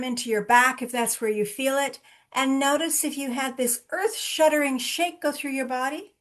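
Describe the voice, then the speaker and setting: Calm guiding woman on a video call. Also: sits high. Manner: calm, instructing, speaks directly to listeners. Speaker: wellness teacher leading a group session. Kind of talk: guided relaxation and live workshop talk.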